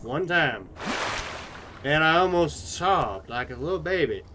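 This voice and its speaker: A man's voice: fairly high pitch, animated, measured pace. A man thinking aloud in a frustrated, rambling way during live gameplay commentary, with a put-on Southern US drawl, recorded at home. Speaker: gaming streamer. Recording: noticeable background noise.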